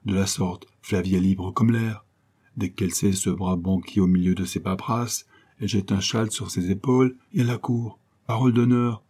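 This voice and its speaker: A man's voice: sits low, steady tone, moderate pace, mellow, slightly rough. A man reading a novel aloud, voicing a vain and smug young man who boasts in a sneering way. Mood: boastful.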